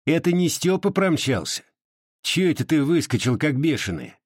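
A nosy old village widow grumbles and teases in a raised, husky voice, as a male reader puts her on. Her folksy speech is dry and close, mocking more than warm. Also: fairly high pitch, very animated, normal speed, dry recording, voice pushed up. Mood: scolding mockery. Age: over 60. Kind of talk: audiobook character voicing.

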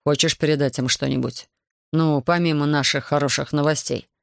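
A woman voicing a calm, patronizing plantation master. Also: low voice, moderate pace, no room sound, studio quality. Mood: unruffled. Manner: unruffled, smooth, patronizing. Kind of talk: audiobook reading.

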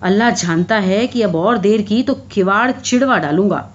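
A woman reading aloud, voicing a burly, suspicious husband who talks gruffly and demands answers. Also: mid-range voice, muffled recording, lightly acted. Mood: impatient. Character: loud suspicious jealous husband, burly man.

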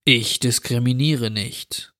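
A man voicing a dirty, menacing stranger who grants children's wishes, speaking with a slow, mocking drawl in a horror story reading. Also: mid-range voice, sharp tone.

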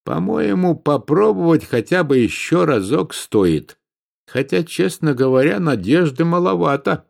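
A man reading an audiobook, voicing a brash, boastful adult prince in a raised, animated voice. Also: fairly high pitch, measured pace, creaky, voice pushed up, full character voice.

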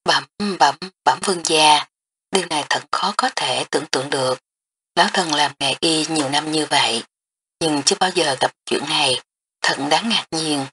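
A woman's voice: deep voice, normal speed, pushed and bright, slight background noise. A woman reading an audiobook, voicing an old male imperial physician who stammers and speaks deferentially. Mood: astonished, deferential.

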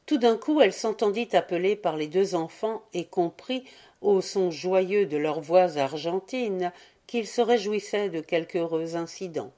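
Woman narrator for a storybook audiobook: slow, soft warm tone, gentle expressive reading. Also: fairly low pitch. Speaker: audiobook reader.

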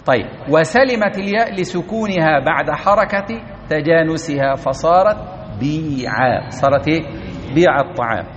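A man's voice: fairly high pitch, moderate pace, slight background noise. A man teaching a classroom grammar lesson, explaining step by step, repeating key words and often checking that his students follow. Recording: dull lo-fi recording.

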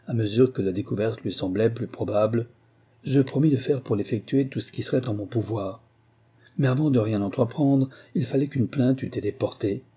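Dark, husky male narrator. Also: lowish voice. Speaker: audiobook narrator. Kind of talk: scripted narration.

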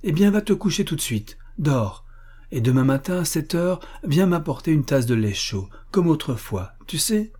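A man's voice: fairly high pitch, sing-song, normal speed, warm tone, husky, pitched above the performer's own voice. A man reading a firm young tutor. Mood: gentle. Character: stern but kind young man, tutor.

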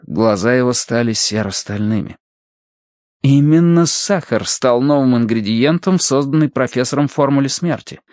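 A man reading a novel aloud as an audiobook narrator, in measured, steady storytelling with acted pauses. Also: medium pitch, no room sound, clean studio sound. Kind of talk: scripted narration.

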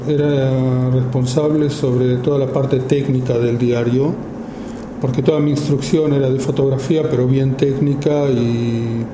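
A man in his fifties from Argentina with an Argentine Spanish accent, speaking informally to an audience about his work, slowly and with many pauses and fillers. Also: mid-range voice, fairly even intonation, reverberant, noisy background. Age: 50s. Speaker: photographer giving a talk.

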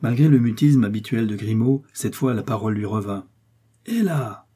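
A man narrating a classic novel as an audiobook, in a measured, steady reading. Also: fairly low pitch, slightly rough.

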